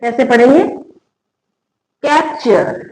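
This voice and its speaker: A woman's voice: high-pitched, expressive, slow, darkish tone, poor audio. A woman teaching an English spelling lesson in Hindi, spelling words letter by letter, asking questions and answering them herself.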